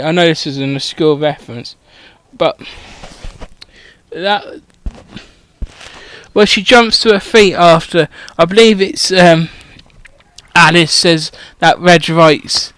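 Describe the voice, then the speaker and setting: A man's voice: sits high, fairly bright tone, smooth, no room sound. Sweary man reading a parody audiobook. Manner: sweary, rambling asides. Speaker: comedic audiobook reader. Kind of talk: irreverent parody narration.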